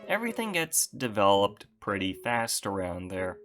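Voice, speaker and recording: A man's voice: fairly low pitch, very animated, normal speed, fairly bright tone, soft background music. A young man giving a casual channel update to his viewers, wry and self-deprecating, with dry understatement.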